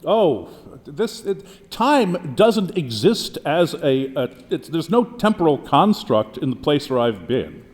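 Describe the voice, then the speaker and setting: A man's voice: fairly high pitch, big pitch swings, takes it slowly, few pauses, darkish tone, slightly rough, full character voice. A man playing a professorial dead poet. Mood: earnest. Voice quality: professorial, explains at length with frequent restarts. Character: deceased male poet testifying at a trial. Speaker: witness. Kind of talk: mock trial role-play. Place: courtroom. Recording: long hall reverb.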